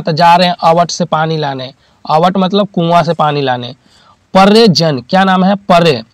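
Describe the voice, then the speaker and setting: A man teaches in a high, clear voice, and the recording is close and dry. He keeps asking listeners questions and then answers them himself. He repeats each key term, and his examples come from daily life. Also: no room sound. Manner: uses homely examples, repeats key terms. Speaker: exam-prep teacher. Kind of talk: classroom lecture.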